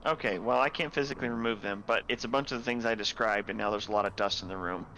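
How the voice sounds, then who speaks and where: A young man narrating as dungeon master, laid-back and halting, with lots of fillers and chuckles. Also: fairly low pitch, bright, forceful tone, slight background noise, rough recording. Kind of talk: narrating a tabletop game.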